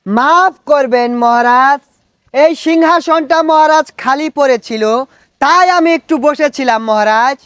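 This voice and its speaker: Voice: sits high, measured pace, fairly bright tone, dry recording. An actor playing a fawning male minister in a comic skit, speaking. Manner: fawning, says 'Maharaj' again and again.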